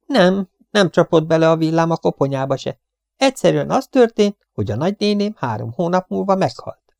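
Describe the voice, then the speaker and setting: Brief: male reader playing a fussy, superstitious stout cleaning lady, high shrill chatter, mellow dry audiobook sound. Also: lively intonation, vocal fry, dry recording.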